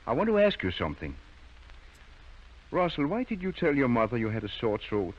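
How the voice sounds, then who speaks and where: A man's voice: mid-range voice, wildly swooping pitch, fairly quick. A man acting in an old-time radio drama as a firm, kindly country doctor, patient but probing. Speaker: radio actor. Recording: dull, lo-fi vintage radio recording.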